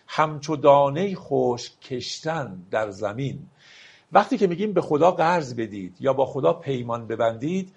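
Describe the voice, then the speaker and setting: A man teaching classical poetry, reciting verses slowly and explaining them plainly, sometimes asking his listeners questions. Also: mid-range voice, creaky, darkish tone, husky.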